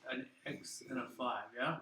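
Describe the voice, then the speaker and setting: A man's voice: mid-range voice, normal speed, bright, forceful tone, a little hiss or hum. A man tutoring a child in maths one-on-one, explaining patiently and checking in with frequent "okay?"s. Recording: echoey room.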